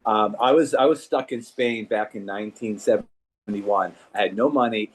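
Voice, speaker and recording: A man's voice: fairly low pitch, normal speed. An older American man, a class member, earnestly telling a personal story and repeating words for emphasis. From United States. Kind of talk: personal anecdote.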